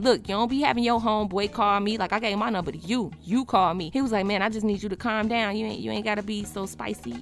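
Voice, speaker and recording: A woman from Chicago telling a personal story in a sassy, slangy, animated way. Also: fairly low pitch.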